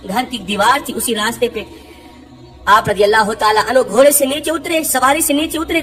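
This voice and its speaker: A woman's voice: fairly high pitch, fairly bright tone. A woman telling a religious story as a sermon, emphatic and repeating her phrases for stress.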